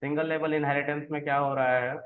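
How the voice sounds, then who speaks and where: A man teaching programming in a relaxed way, explaining code step by step and often checking that the listener follows. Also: fairly high pitch, fast. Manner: conversational, keeps checking in with the listener. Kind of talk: explaining code while typing. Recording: tinny phone-like sound.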